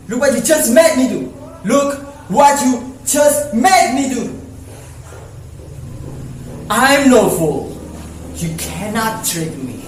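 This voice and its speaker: Guy putting on an angry prince yelling curses, slow and high, echoey. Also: far from the mic, a little hiss or hum, exaggerated voice. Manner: slow, commanding, ranting. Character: furious powerful male prince cursing a princess. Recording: echoey room, voice from afar.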